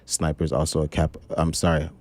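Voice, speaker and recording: A man's voice: extremely low pitch, completely flat delivery, brisk, a little mellow, no echo. A man speaking as a guest in an interview, explaining his program with frequent ums and restarts. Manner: hesitant, fills with um and right. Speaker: guest, trading educator. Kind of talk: casual interview chat.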